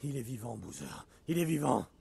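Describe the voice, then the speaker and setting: Un motard survivant à la voix rocailleuse. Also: male voice, medium pitch, sing-song, normal speed, gravelly, mellow, slightly rough, exaggerated voice. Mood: insistent, agitated. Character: gruff, restless male biker survivor, urgent and stubborn. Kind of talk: video game dialogue over radio.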